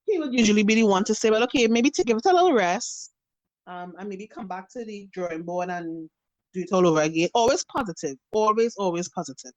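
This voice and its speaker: A woman's voice: mid-range voice, fast, low-quality recording. A woman in her thirties with a Trinidadian accent, a painter chatting casually on a video call and acting out little quotes as she tells stories. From Trinidad and Tobago. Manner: animated storytelling, acts out quotes. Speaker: guest face and body painter. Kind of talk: casual interview chat over video call.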